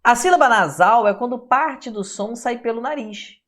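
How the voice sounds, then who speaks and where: A man with a Brazilian accent teaches a lesson to his class, his voice rising and falling all the time. He breaks words into syllables and says each one out loud. He keeps asking his students short questions to check that they are following. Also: very high-pitched, lively intonation, moderate pace. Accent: Brazilian Portuguese. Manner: sounds out syllables to demonstrate. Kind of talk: classroom lecture.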